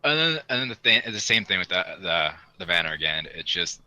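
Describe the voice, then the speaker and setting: Here a man with a low-pitched, sing-song voice talks fairly quickly in a sharp tone. He's co-hosting a casual hobby podcast, enthusiastically shooting the breeze about model kits.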